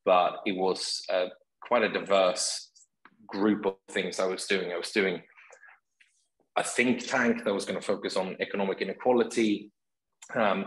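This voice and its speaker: A man in his forties from Sweden, a guest on a video-call interview, speaking in a relaxed way with many ums. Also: sits low, low-quality recording. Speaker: guest, startup founder.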